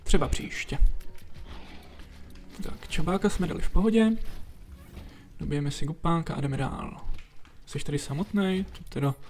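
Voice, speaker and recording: A man giving relaxed let's play commentary, chatting to himself and to the enemies as he plays. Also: fairly high pitch, pauses often. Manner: chatty, talks to himself and to enemies while playing. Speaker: gameplay commentator. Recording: faint background game music. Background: game music.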